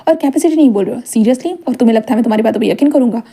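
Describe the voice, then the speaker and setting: A woman voicing a calm, domineering young male boss who speaks in a teasing way. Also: fairly high pitch, rapid-fire, creaky, breathy edge. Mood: cool teasing.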